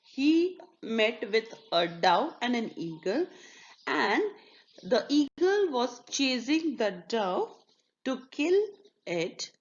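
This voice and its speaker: Woman teacher for a slow, careful story lesson; a touch high, muffled lo-fi recording. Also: very animated. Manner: slow, deliberate, with hesitations. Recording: dull lo-fi recording.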